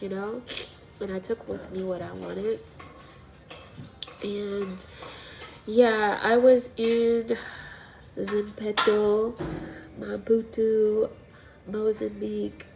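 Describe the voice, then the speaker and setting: Poor audio captures a creaky, mid-range female voice. She has a cold and sounds stuffy, rambling casually with ums and little laughs as a missionary recounting her story in a testimony vlog.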